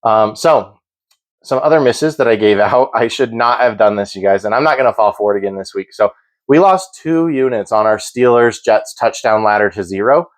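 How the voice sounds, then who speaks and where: A man's voice: fairly low pitch, moderate pace. A man hosting a sports betting show, giving informal, opinionated commentary in a conversational way.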